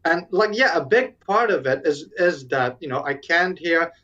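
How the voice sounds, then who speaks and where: A man with a fairly high voice chats and gripes on a gaming podcast, sounding set back from a dull, lo-fi microphone. He tells his story in a loose, complaining way. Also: lively intonation, moderate pace, sharp tone, recorded from a distance. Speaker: podcast co-host. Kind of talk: casual gaming podcast chat.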